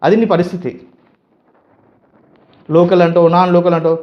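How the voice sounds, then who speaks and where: A man's voice: high-pitched, flat delivery, moderate pace, dull audio. A man with a Telangana Telugu accent, a youth leader of a community association, delivers an angry political statement. He scolds with a string of heated rhetorical questions.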